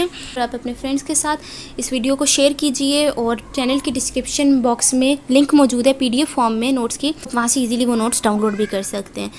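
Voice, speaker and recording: A young woman with a Pakistani Urdu accent, teaching phonology from lecture notes and slowing down to spell out English example words. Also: sits high, darkish tone, slight background noise.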